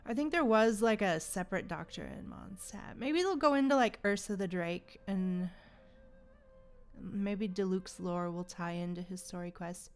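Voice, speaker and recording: A woman with a mid-range voice livestreams a game, chatting casually and thinking out loud in a slangy, informal style. She speaks a little slowly, with faint music in the background.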